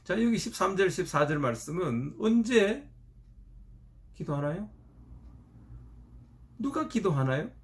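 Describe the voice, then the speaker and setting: A male pastor preaching a sermon in an animated storytelling manner. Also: high-pitched, unhurried, pauses often.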